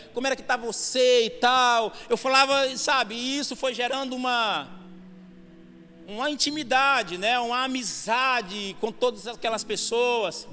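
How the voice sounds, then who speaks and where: High-pitched man preaching fervently. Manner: fervent storytelling, rising to shouts at climaxes. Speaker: preacher giving testimony. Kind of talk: testimony sermon. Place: church hall. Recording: long reverb hall with music behind.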